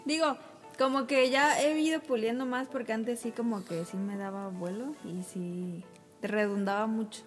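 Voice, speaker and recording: Woman, kinda high voice, teasing and butting in, faint music. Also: fairly even intonation, big-room sound. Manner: teasing, quick interjections. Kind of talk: casual chat.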